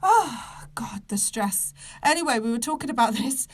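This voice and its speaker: A British woman of about thirty with soft R sounds, ranting casually and comically to a live online audience in an exasperated, emphatic, sweary manner. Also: fairly high pitch, expressive, normal speed. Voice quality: soft, non-rolled R sounds. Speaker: podcast host.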